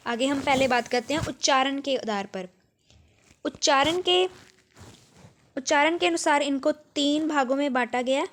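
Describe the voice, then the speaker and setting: High-voiced Punjabi woman teaching. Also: moderate pace, long pauses. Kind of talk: exam-prep grammar lesson.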